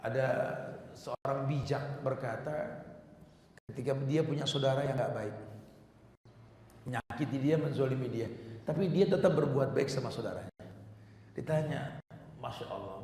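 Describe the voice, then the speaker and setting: A man preaching a lively Islamic sermon, mixing casual slang with recited Arabic verses, swinging between loud exhortation and soft asides. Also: medium pitch, a little hiss or hum. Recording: echoey hall with long reverb.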